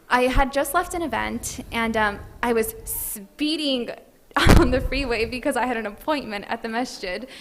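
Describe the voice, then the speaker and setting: A woman giving a personal testimony at an event, earnest and halting, with frequent fillers. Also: on the high side, a bit bright. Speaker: convert sharing her story. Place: event hall.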